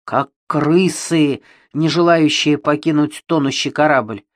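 A woman's voice: sits low, dry recording, studio quality. A woman voicing a pompous, furious wealthy father who barks orders in an audiobook. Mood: contemptuous. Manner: barking, slow and emphatic.

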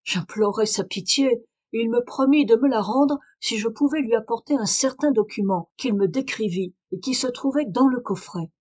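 A woman's voice: fairly high pitch, normal speed, hardly any pauses, darkish tone, lightly acted. A woman reader voicing a desperate aristocratic young wife in a French audiobook, pleading and urgent. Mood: anxious confession. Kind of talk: audiobook reading of a detective story.

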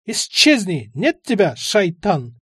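A man voicing a sly, rambling old male drug addict in an audiobook, with a high, shouting voice and halting, odd phrases. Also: sing-song, dry recording, studio quality. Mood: frightened. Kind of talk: audiobook character voice.

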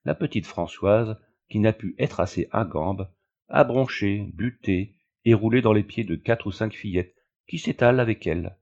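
A man reading a classic tale aloud as an audiobook narrator, measured and expressive, on a dull lo-fi recording. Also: fairly low pitch.

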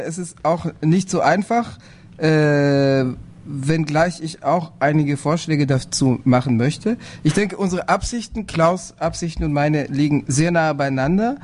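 A man speaking on a political panel, measured and hesitant, with frequent fillers and restarts. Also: fairly high pitch, a little mellow. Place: lecture hall.

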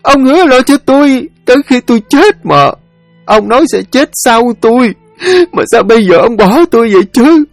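A man's voice: very high-pitched, animated, drawn-out words, creaky, long pauses, dry recording, soft background music, pitched above the performer's own voice, heavily acted. A man voicing a grief-stricken elderly widow who sobs and pleads in a lament for her husband. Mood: wailing.

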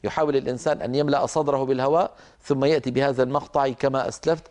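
A man teaching Quran recitation rules, explaining grammar and pronunciation and demonstrating each sound slowly. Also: medium pitch, steady tone, a little mellow. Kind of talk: tajweed lesson with live correction.

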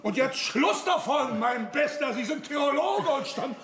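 A male actor playing an aging, grandiloquent former theatre director who bursts into shouting. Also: extremely high pitch, expressive, measured pace, exaggerated voice. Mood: flustered. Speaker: stage actor. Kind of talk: stage acting. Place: theatre stage. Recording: echoey theatre stage.

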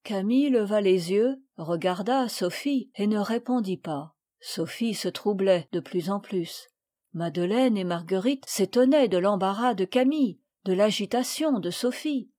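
A woman reading a classic novel aloud as scripted narration, in a measured and expressive way. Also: medium pitch. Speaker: audiobook reader.

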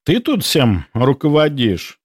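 A man reading an audiobook puts on a scornful young cadet, sarcastic and grumbling, his voice pitched a little above the narrator's own. The delivery is dry and close, with lively swings in tone. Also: a little slow, no room sound. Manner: sneering, grumbling.

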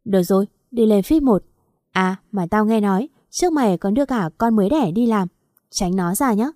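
Woman reading bald male karaoke boss, forties, curt, gruff, bossy, storybook reading, mellow dry voice. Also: medium pitch, animated, moderate pace, no room sound, natural voice. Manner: curt, ordering people about.

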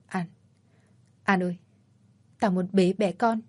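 A woman's voice: fairly low pitch, fairly even intonation, takes it slowly, no echo. A woman voicing a frail young mother who pleads in a trembling voice. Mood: weak. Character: young mother, frail and frantic over her newborn.

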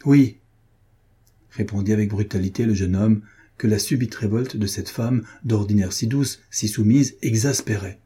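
A man narrating a classic novel as an audiobook, in a measured, dramatic literary reading. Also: lowish voice, mellow, breathy edge. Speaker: audiobook reader.

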